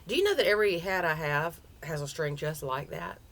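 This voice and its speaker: Low-pitched Southern woman with a folksy drawl. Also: expressive, fairly quick, vocal fry, fairly bright tone. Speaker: crochet vlogger. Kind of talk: casual, chatty vlog. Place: outdoors on a front porch. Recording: outdoor background noise.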